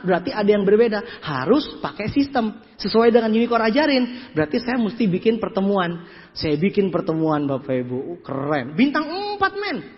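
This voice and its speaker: A man giving a lively storytelling seminar talk to an audience as a motivational business speaker, animated and mimicking people, repeating words for emphasis. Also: extremely high pitch. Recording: echoey hall, muffled lo-fi sound.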